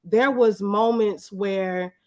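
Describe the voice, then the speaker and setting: The videographer being interviewed has a mid-range voice, fairly even intonation, and a slow pace. She tells anecdotes conversationally, acting out the quoted back-and-forth exchanges.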